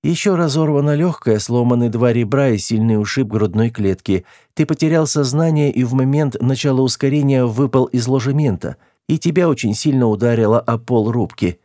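Male reader as calm female android who reports facts flatly; higher than his own voice, dry. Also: fairly quick, few pauses, dry recording, close to an everyday voice. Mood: matter-of-fact. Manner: level, matter-of-fact reporting. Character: female android crew member, calm and truthful.

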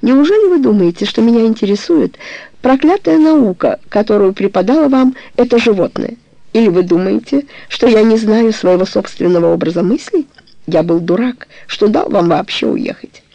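A devoted man pleads for the woman's hand, soft at first and then heated and insistent, voiced by the audiobook reader. The voice is gravelly and dark, and it is recorded dry and close. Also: mid-range voice, expressive, normal speed, no room sound, rough recording. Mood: ardent.

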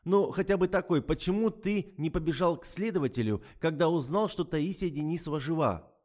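A man's voice: fairly high pitch, expressive, a little fast, a little mellow, voice pushed up. A man voicing a stern woman posing as an investigator, issuing curt commands in an audiobook. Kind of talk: audiobook character voice.

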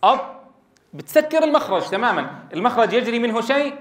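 A man's voice: high voice, animated, a little fast, fairly bright tone, echoey room. A middle-aged man teaching a classroom lesson, explaining and quizzing his students and drilling sounds aloud. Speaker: Quran recitation teacher.

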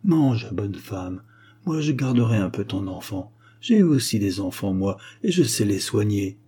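A man voicing a kindly, devout old shoemaker who speaks gently and earnestly. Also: lowish voice, animated, measured pace, husky, faint music behind, full character voice. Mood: coaxing.

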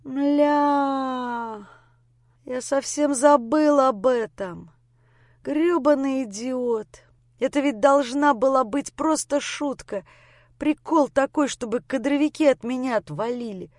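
A woman's voice: fairly low pitch, normal speed, darkish tone, no room sound, studio quality, natural voice. A woman reading the part of a bitter, injured young man who lashes out in harsh bursts of self-hatred. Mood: angry. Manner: harsh, self-hating outbursts.

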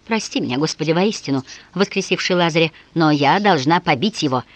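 A woman's voice: low-pitched, animated, fairly quick, dry recording. A woman reading as a wailing, scolding peasant wife. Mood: lamenting. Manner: lamenting, scolding.

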